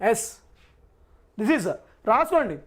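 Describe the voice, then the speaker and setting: A man's voice: very high voice, very animated, slow pace. A male physics teacher in a live online class who reassures his students, repeats every point and asks and answers his own questions.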